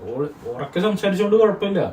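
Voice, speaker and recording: Calm Malayali man, distant mic. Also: sits high, fast, reverberant. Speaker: co-host. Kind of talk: casual Q&A chat. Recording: distant mic with faint noise.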